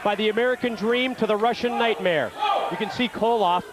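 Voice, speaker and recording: A man at ringside giving excited live play-by-play commentary on a wrestling show. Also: high-pitched, brisk. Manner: excited, narrating the action. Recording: noisy live arena crowd.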